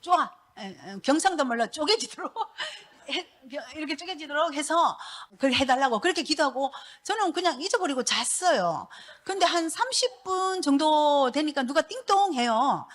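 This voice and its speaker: A middle-aged woman, a pastor's wife giving a church testimony in a lively, laughing storytelling manner. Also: high voice, moderate pace.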